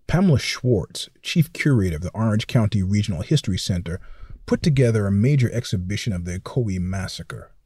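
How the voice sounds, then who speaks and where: A man's voice: on the low side, lively intonation, brisk, darkish tone, breathy edge, no room sound, clean studio sound. A man hosting a documentary podcast, reading scripted narration in a true crime storytelling style.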